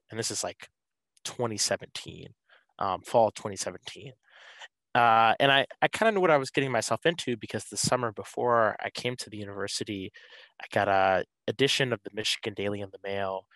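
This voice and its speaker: Low-voiced young man, animated storyteller. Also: no echo, low-quality recording. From Atlanta, Georgia, USA. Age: young adult. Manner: animated storytelling with quoted asides. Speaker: student panelist. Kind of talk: casual panel discussion.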